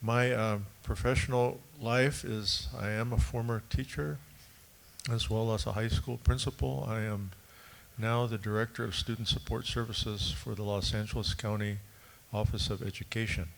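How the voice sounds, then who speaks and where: A man from Long Beach, California gives a friendly panel introduction with a little humor. His low voice has a gravelly edge. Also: steady tone, normal speed, slight background noise. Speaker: education director.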